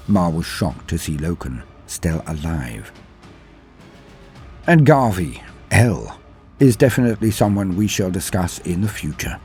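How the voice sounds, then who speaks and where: A man with a low, darkish voice narrates scripted lore for his lore channel, which he hosts. He tells it gravely and dramatically, and faint music can be heard in the background.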